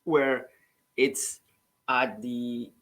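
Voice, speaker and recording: A man's voice: mid-range voice, steady tone, fairly bright tone. A middle-aged man from Cuba, hosting his own channel and telling his story casually, with many restarts and "right?" tags. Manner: conversational, halting with frequent restarts and "right?" tags. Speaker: author and channel host.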